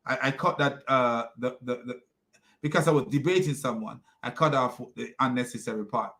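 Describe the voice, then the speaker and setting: At normal speed and medium pitch, with a sharp tone, a Jamaican man rants through his online religious commentary video. He sounds mocking and scornful, insults repeatedly, and rambles with frequent restarts.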